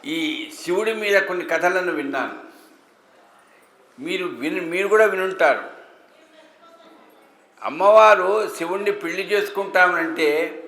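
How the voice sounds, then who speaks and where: A man's voice: high-pitched, expressive, unhurried, long pauses, bright, forceful tone. A man giving a devotional discourse to a gathered audience, asking rhetorical questions with emphasis. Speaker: religious speaker. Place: temple hall with an audience. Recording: echoey hall, faint ambience.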